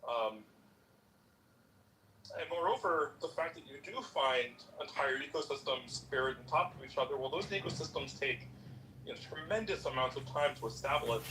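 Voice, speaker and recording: A man debating a caller, explaining in a measured way and turning forceful when pressed. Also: mid-range voice, animated, far from the mic, slight background noise, low-quality recording. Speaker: debater defending geology. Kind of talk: call-in debate.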